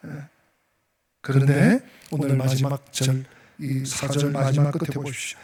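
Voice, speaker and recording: A male pastor preaching a sermon in a church sanctuary, animated and full of rhetorical questions. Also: high voice. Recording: echoey church hall, distant mic.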